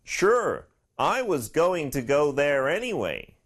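A man voicing a friendly young male traveler in a recorded practice dialogue, speaking slowly and deliberately for learners. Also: a little high, very animated, exaggerated voice. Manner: clear, slow, deliberate delivery for learners.

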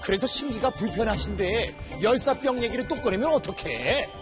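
A man's voice: high voice, animated, normal speed, music in the background. A man playing a general's fussy, deferential aide who also likes to scold, in a children's cartoon. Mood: flustered scolding. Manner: obsequious to superior, scolding to others. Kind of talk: children's educational cartoon acting.

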